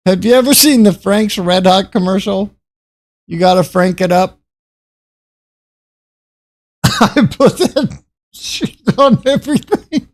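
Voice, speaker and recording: An older man with a high voice chats casually with viewers on his gaming livestream, speaking slowly with long pauses. He jokes and breaks into laughing fits between lines.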